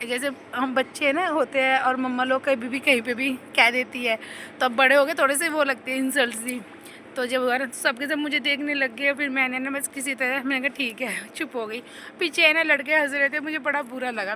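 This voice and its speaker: Young woman vlogger, high and bright voice, rambling chatty storyteller, faint traffic behind. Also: fairly quick. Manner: rambling, animated, laughs while telling stories. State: slight cough and sore throat.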